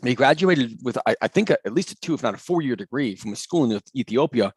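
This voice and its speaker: Running a live online coding class over video, a man talks casually and enthusiastically, with plenty of fillers and false starts. His mid-range voice is expressive, quick and slightly rough, with no room sound in the recording.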